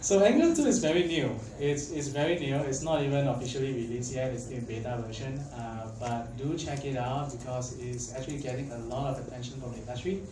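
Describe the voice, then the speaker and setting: A young Malaysian man talks a little fast in a mid-range voice, barely pausing, during a casual tech conference presentation. He's chatty, full of fillers, and asks the audience questions often. The sound is echoey from the conference hall, with a distant mic and faint background noise.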